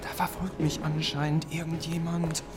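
A man's voice: a little high, monotone, heavy background noise, lightly acted. An actor playing a nervous, earnest man who wants to be a superhero, in a radio drama. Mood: frightened. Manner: nervous, hurried. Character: flustered would-be superhero man, anxious and earnest.

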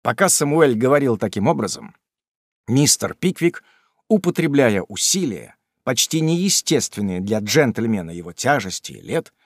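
A man narrating a classic novel in an expressive storytelling voice. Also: mid-range voice, moderate pace, dry recording, studio quality. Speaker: audiobook narrator.

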